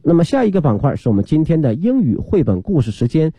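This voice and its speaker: Very animated male announcer over loud music. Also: a little high, fast. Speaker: programme announcer. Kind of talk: scripted programme introduction.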